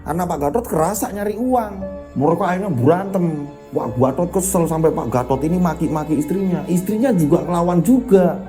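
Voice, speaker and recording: A man hosting and narrating a dramatic true story, with an animated telling punctuated with spoken sound effects. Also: on the high side, brisk, faint music behind. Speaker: storyteller host.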